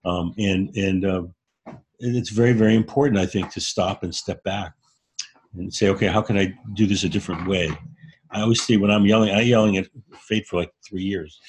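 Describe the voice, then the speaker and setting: A man's voice: sits low, fairly even intonation, brisk, a little hiss or hum. A man co-hosting a podcast in casual conversation, speaking candidly and earnestly as he explains his ideas. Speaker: podcast co-host.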